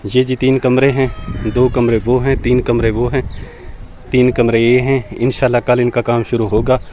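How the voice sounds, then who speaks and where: Pakistani village vlogger, pious, outdoors. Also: male voice, mid-range voice, little pitch movement, a little mellow, slight background noise. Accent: Pakistani Urdu. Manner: pious, sprinkles blessings, guides viewers. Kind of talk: casual vlog narration. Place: rural village, outdoors on a rooftop.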